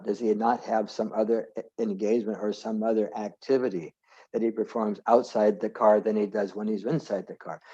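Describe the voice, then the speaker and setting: A man with a low, mellow voice leads an informal scripture class. He wanders off on tangents and stops to correct himself. His voice comes over a muffled video call line. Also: husky. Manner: rambling, self-correcting, digressive. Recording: dull lo-fi video call audio.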